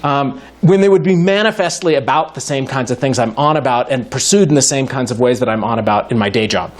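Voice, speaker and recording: A man's voice: mid-range voice, a little fast. A man giving a university lecture to a live audience in a hall, wry and joking, thinking aloud with frequent restarts. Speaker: guest lecturer in philosophy.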